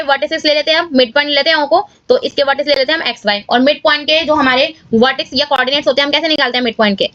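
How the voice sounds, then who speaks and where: A woman's voice: sits high, pushed and bright, no echo, highs cut off. A woman teaching maths step by step in a casual manner, often checking in with viewers. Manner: casual, addresses viewers as guys, checks with "clear?".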